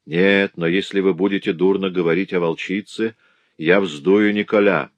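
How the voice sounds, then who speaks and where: A man voicing a strong, calm older brother who speaks firmly and coldly. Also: low voice, normal speed, no echo, natural voice. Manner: calm, firm, cold.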